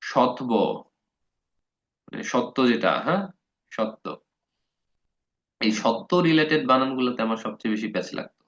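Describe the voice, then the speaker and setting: A Bengali grammar teacher, a man, gives a casual spoken lesson, often checking that listeners follow and slowly stretching out words to show their spelling. His medium-pitched voice is animated and a bit bright, captured on a dull lo-fi recording.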